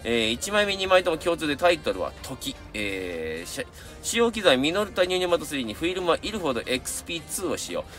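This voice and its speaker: A man's voice: fairly high pitch, very animated, fast talker, a bit bright, faint music behind. A middle-aged man with a Kansai accent, chatting casually as a camera channel host, rambling with many fillers and asides while reviewing gear and reading viewer submissions.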